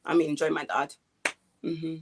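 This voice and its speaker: A woman in her twenties from Ghana, a guest chatting casually on a video call, relaxed and hesitant, with many fillers and restarts. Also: low voice, unhurried, a little hiss or hum. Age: 20s. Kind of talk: casual interview chat.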